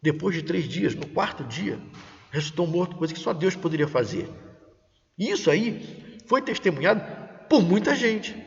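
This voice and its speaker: Animated man teaching the Bible in church. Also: high voice, moderate pace, creaky. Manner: reads verses, then explains them in plain talk; lively, swinging intonation with stressed words. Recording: dull sound with long reverb.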